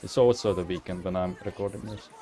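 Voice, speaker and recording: A man's voice: low voice, steady tone, fast talker, warm tone, a faint crowd. A man giving casual, rambling game playthrough commentary in an informal way, often correcting himself. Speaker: gaming video host. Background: faint music.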